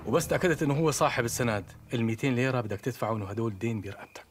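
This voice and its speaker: An actor playing a measured middle-aged sheikh who speaks calmly and admonishingly, with a Damascene accent. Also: male voice, medium pitch, noisy background, natural voice. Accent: Damascene Arabic. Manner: calm, admonishing. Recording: music underneath.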